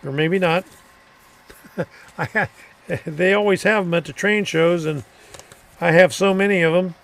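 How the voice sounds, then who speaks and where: Chatting casually on his live stream, a middle-aged Floridian answers viewer comments and rambles, chuckling between thoughts. His voice is high-pitched and fairly bright, and he talks a little slowly.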